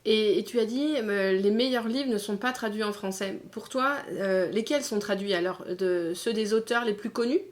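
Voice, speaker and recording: A woman's voice: medium pitch, moderate pace, few pauses. A woman hosting a casual interview, chatty and encouraging. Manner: chatty, brief encouraging backchannels. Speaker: host, interviewer.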